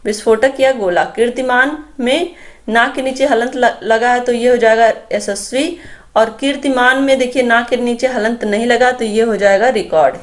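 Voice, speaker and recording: A woman's voice: a little high, fairly even intonation, moderate pace. A young adult woman teaching an exam-prep grammar lesson, explaining step by step and pointing the listener to examples on slides. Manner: explanatory, addresses viewers as friends, points at slides.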